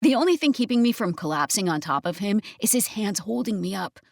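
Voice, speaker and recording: A woman narrating a first-person romance audiobook in a breathy, intimate manner. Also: mid-range voice, lively intonation, fairly quick, no echo, studio quality.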